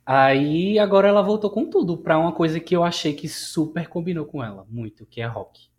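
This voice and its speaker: A man's voice: a little high, animated, fairly quick. A man hosting a podcast, chatting casually and enthusiastically. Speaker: podcast host. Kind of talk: casual chat.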